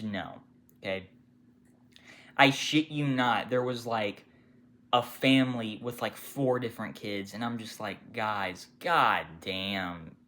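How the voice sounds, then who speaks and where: A retail worker rants through a casual storytime, swearing freely. The voice has a bright, cutting edge at a middling pitch. It lurches from loud exclamations to low, muttered asides. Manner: profane, animated, swings from loud outbursts to muttered asides. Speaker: retail worker telling work stories.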